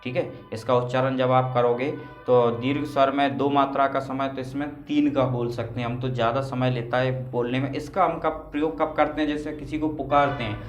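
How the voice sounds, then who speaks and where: A man's voice: mid-range voice, level tone, brisk, faint music behind. Man teaching in an echoey room. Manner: explains step by step, asks and answers his own questions. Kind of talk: classroom lecture.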